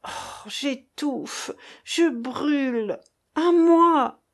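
A woman's voice: low voice, wildly swooping pitch, very slow, gravelly, voice pushed down, heavily acted. A woman voicing a poisoned young man who is dying, in faint, broken gasps. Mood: agonized.

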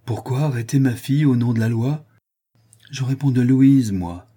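A man's voice: medium pitch, lively intonation, normal speed, warm tone, husky, voice pushed up. Man voicing a distraught old artisan father. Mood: distraught pleading. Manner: pleading, agitated, raised voice.

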